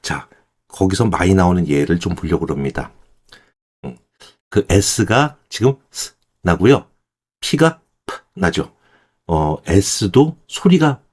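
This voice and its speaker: Male Korean pronunciation teacher, low and expressive, patient and step by step. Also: breathy edge. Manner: demonstrates words slowly, then repeats them. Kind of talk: explanatory lesson.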